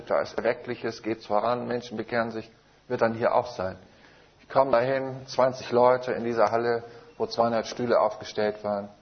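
A preacher tells his testimony from the pulpit with emphatic, vivid storytelling. He speaks at a middling pitch for a man. The recording is muffled and a bit lo-fi. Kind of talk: testimony sermon.

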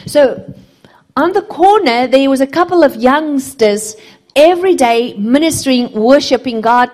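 A woman preaching in English, telling a testimony in short phrases and pausing for her interpreter, softening to a hush when she gives God's words. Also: high-pitched, lively intonation. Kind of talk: sermon with interpreter.

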